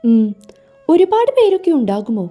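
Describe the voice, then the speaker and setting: A woman's voice: sits high, big pitch swings, a little fast. A woman voicing a shy, timid young wife who speaks hesitantly in a storybook reading, over faint music. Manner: hesitant, soft-spoken.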